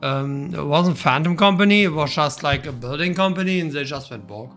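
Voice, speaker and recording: Over music, a German-speaking man with a slightly high voice streams a game and chats loosely with a friend. He talks a little fast, swears now and then and restarts often.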